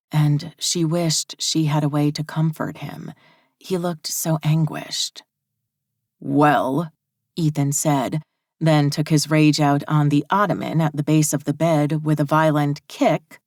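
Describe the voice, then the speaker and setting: A woman narrating an audiobook in a low, unhurried voice. Her reading is even and measured, recorded close on a studio mic with a dry, dead sound. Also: dry recording. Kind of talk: scripted narration.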